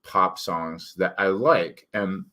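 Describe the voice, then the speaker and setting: A man's voice: low-pitched, slow, sharp tone. A middle-aged man with thick, slightly slurred, tongue-heavy articulation, giving a candid, rambling, self-deprecating monologue as an author hosting his own channel.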